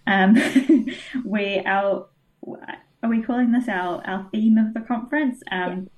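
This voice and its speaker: A woman's voice: mid-range voice, takes it slowly, darkish tone, far from the mic, rough recording. New woman organizer, chatty interview guest, laughs easily, a little off-mic. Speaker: conference organizer. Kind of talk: casual interview answers.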